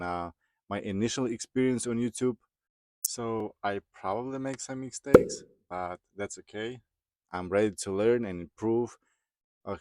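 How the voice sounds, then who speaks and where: His voice is lowish with a darkish tone. He's a Ukrainian-accented vlogger in his thirties from Ukraine who drives trucks, sharing his personal story with viewers, with Ukrainian or some other non-English language as his mother tongue.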